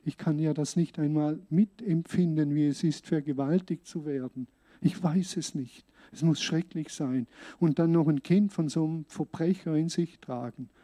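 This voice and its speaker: A man from Switzerland, preaching a sermon as a pastor in an earnest, conversational way with emphatic pauses. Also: on the high side, steady tone, dark tone.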